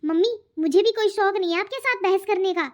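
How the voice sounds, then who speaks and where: A woman's voice: very high-pitched, a little fast. A woman voicing an outspoken, spirited young unmarried daughter in a cartoon, arguing and protesting. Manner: protesting, argumentative. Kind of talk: cartoon voice acting. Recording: dull lo-fi audio.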